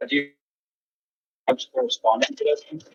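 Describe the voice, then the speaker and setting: A man's voice: extremely high pitch, very animated, normal speed, creaky, slightly rough, no echo. A man in a casual philosophical debate over voice chat, asking tentative, probing questions and rephrasing himself, over a muffled lo-fi line.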